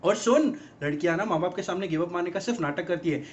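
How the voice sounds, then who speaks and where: An actor playing an exasperated young man in a rapid-fire, mocking film comedy monologue about girlfriends. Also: high-pitched, a little hiss or hum, lightly acted. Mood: ranting. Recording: dull lo-fi film audio.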